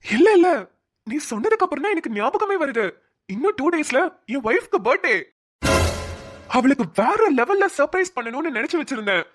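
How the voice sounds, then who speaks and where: A woman voicing a cheerful young police trainee in a cartoon, breezy and excitable. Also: very high-pitched, brisk, no room sound, studio quality, full character voice. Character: young male police trainee, cheerful, devoted to his wife. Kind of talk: cartoon dialogue.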